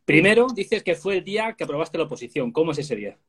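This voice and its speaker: A man's voice: a little high, big pitch swings, quick pace, husky. A man hosting an interview, asking long, encouraging questions. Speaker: interviewer, host. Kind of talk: conversational interview.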